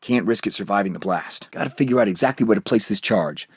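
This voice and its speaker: A heroic young American wartime captain for a video game. His voice is a little husky and recorded close and dry. He sounds resolute, with a dry wisecracking edge. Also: lowish voice, fast talker, no echo. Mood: focused, determined. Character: brave, determined young American super-soldier captain in wartime. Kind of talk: scripted video game voice lines.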